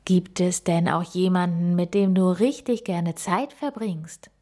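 A woman voicing a wise old female owl in a storybook reading, speaking calmly and gently. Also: on the low side. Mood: gentle. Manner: calm, gentle and unhurried.

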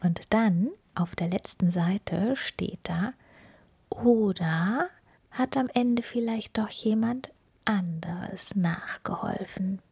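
Slow breathy whispering woman. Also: mid-range voice. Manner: slow, gentle, addresses children. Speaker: storyteller reading a picture book. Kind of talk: whispered role-play.

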